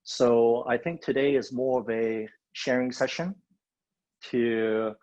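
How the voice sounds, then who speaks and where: This man's voice sits at medium pitch, steady, slow, and a little mellow. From Hong Kong, he's giving a conversational guest webinar talk with lots of fillers, heard through dull, lo-fi video call sound.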